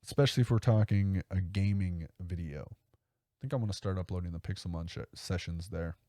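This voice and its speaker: Male podcast host with a low, mellow voice, dry sound; rambles and corrects himself, upbeat. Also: brisk, no echo. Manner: rambling, self-correcting, enthusiastic. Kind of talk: casual solo podcast talk.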